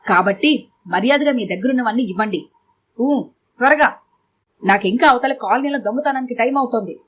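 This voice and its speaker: A woman narrator voicing a gruff, blustering male burglar with a knife. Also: very high-pitched, fairly quick, a bit bright, a little hiss or hum. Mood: gruff threatening.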